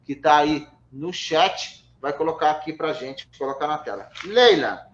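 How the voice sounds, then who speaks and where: A man hosts a live-streamed interview, speaking with enthusiasm as he asks questions and reads out comments. His voice sits a little high for a man, and it comes over a roomy, muffled line. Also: expressive, measured pace, a little hiss or hum. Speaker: interview host. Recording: dull, roomy remote audio.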